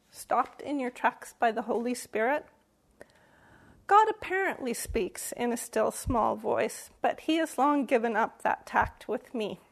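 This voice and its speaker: Gravelly woman giving a self-deprecating Advent talk. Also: on the high side. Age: older. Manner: self-deprecating storytelling with sudden emphatic outbursts. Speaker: lay church speaker. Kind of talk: recorded Advent message. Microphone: camera.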